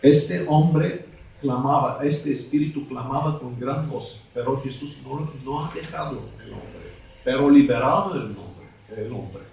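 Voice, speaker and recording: Slow-preaching evangelist man in echoey hall. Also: medium pitch, vocal fry, a little mellow, slight background noise. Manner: slow, halting, asks congregation for words. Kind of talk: deliverance sermon. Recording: echoey hall, mic at a distance.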